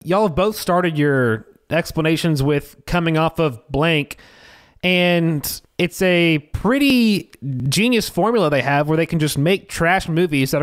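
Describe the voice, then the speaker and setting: Smooth, higher-pitched American man chatting. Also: unhurried. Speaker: podcast panelist. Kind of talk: casual chat.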